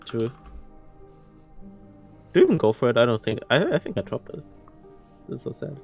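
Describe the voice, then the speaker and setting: A man's voice: medium pitch, wildly swooping pitch, creaky, darkish tone, soft background music. A man giving casual live speedrun commentary, often restarting his sentences. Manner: halting, restarts often, laughs easily.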